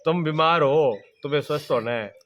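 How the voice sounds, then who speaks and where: Brisk and a bit bright, a middle-aged man's fairly high voice carries a devotional sermon in which he plays spiritual teacher. He answers the rhetorical questions he poses and keeps repeating plain, folksy everyday examples.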